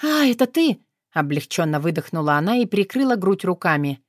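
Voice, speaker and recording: A woman's voice: deep voice, animated, brisk, dry recording, studio quality. A woman voicing a bold, cheeky young woman in an audiobook, smirking as she talks. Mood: startled.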